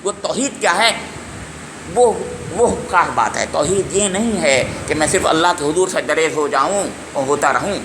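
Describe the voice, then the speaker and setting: A man's voice: fairly high pitch, animated, reverberant, background noise. A man giving a religious lecture on scripture, emphatic and often putting questions straight to his listeners. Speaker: Quran lecturer.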